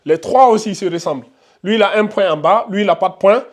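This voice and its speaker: Patient teacher, higher-pitched man. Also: fast talker. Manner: repetitive, patient, thinks aloud with fillers. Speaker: Arabic and Quran reading teacher. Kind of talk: online lesson, writing on a board while explaining.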